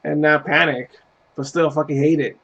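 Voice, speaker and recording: This Puerto Rican man, in his 30s, speaks at a moderate pace in a fairly high, slightly bright voice with fairly even intonation. He chats casually while gaming on stream, laid-back, swearing and laughing easily. The sound is lo-fi, with faint game music underneath.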